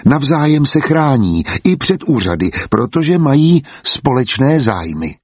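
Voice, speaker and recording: A man voicing a jovial young ironworks owner who smoothly blackmails a rival. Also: medium pitch, very animated, no echo, voice pushed up. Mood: sly.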